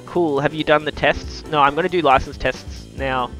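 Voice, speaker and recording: Blokey Australian man chatting over loud game music. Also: on the high side, steady tone, normal speed, rough recording. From New South Wales, Australia. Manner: laid-back blokey talk with mild swearing and slang. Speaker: live streamer. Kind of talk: casual live game-stream commentary. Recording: loud game music and engine noise behind. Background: racing game music and car sounds.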